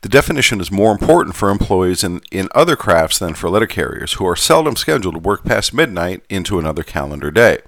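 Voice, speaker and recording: A man voicing a genteel Southern gentleman who reads aloud in a measured, formal manner with a Southern US accent. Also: sits low, sing-song, vocal fry, no room sound, clean studio sound, heavily acted. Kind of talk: scripted reading.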